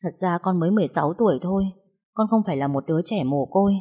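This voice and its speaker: A woman's voice: lowish voice, expressive, rapid-fire, dark tone, breathy edge. A woman voicing a frightened sixteen-year-old girl who stammers through her tears, in a storybook reading. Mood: tearful pleading. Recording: long hall reverb.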